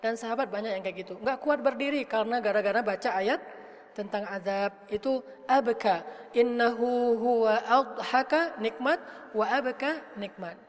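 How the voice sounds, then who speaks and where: A woman religious teacher giving a casual, humorous sermon, chatting with and questioning her audience. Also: medium pitch. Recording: echoey hall reverb.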